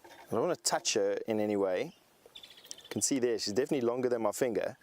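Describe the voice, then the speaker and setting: A man presenting a live safari as a guide, explaining animals to viewers in an enthusiastic, unhurried way. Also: medium pitch, darkish tone.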